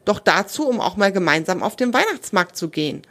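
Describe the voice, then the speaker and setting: A woman's voice: medium pitch, sing-song, fairly quick, a bit bright. A woman reading the part of a greedy, sulky male talking magic pony in a children's story, with a reproachful, wheedling manner.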